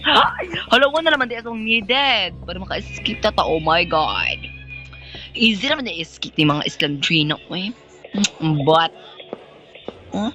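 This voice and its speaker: A man giving campy, sassy commentary on a horror game, breaking into sudden shrieks. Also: sits high. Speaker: gaming streamer.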